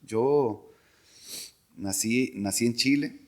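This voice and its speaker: A middle-aged man with a Costa Rican accent, a podcast guest telling stories in a relaxed, rambling way with frequent chuckles. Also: mid-range voice, extremely slow. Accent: Costa Rican Spanish. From Costa Rica. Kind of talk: casual conversational storytelling.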